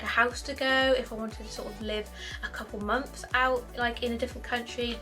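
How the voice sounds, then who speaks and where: A woman's voice: a little high, pushed and bright. A young woman in her twenties from the UK, chatting casually to camera in a Q&A, upbeat and repeating herself often. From United Kingdom. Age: 20s. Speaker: YouTuber.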